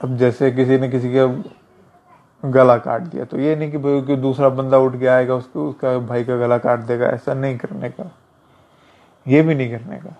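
Man giving casual fight advice, dark tone. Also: mid-range voice, fairly even intonation, moderate pace, gravelly. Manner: conversational, repetitive, addresses listener as brother. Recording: dull lo-fi recording.

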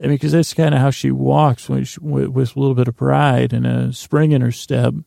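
Close-miked and dry with no echo, this man hosts a podcast in a dark, relaxed, medium-pitched voice thick with gravelly, creaky vocal fry. His personal monologue wanders and stalls, constantly restarting and interrupting itself, and he slips into voicing imagined conversations.

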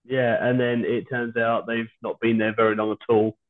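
A British man hosting a podcast in casual, rambling, hesitant chat with dry humour, recorded at home over a low-quality video call. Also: little pitch movement, normal speed. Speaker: podcast host. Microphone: video call without his usual microphone. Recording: low-quality online stream, phone-like sound.

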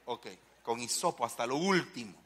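Bright-voiced, animated male preacher. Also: mid-range voice, normal speed. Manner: animated, rhetorical questions to the congregation. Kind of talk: sermon.

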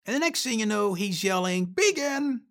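Lively man telling a story. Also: high voice, brisk, vocal fry. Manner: animated, swears freely, acts out shouted drill orders. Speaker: podcast host telling his own story. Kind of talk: casual first-person storytelling.

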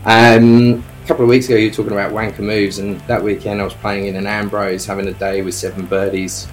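A man's voice: lowish voice, flat delivery, fast talker, soft background music, rough recording. A middle-aged Australian man leaving a casual voicemail for a podcast, hesitating with frequent ums and uhs. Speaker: caller.

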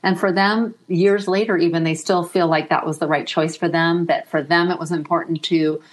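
Woman, middle-aged, low voice, soft-spoken, reflective, emotional interview guest. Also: fairly even intonation, moderate pace.

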